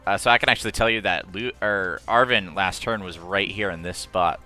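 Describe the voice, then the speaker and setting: Low bright-voiced game master. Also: male voice, steady tone, fairly quick, soft background music. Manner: chatty, laughing, full of fillers. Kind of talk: running a tabletop game.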